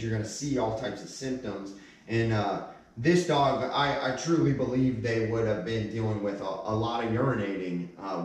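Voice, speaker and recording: Echoey low-voiced man giving firm dog commands. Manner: firm, short dog commands mixed with praise. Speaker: dog trainer. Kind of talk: casual instructional demonstration with dog commands. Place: indoors, hard-floored living room. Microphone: distant fixed camera. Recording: echoey room, far from the microphone.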